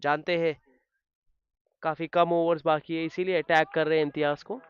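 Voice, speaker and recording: A man giving live cricket commentary as the match commentator, getting excited on big shots. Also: fairly high pitch, moderate pace, clean tone, highs cut off.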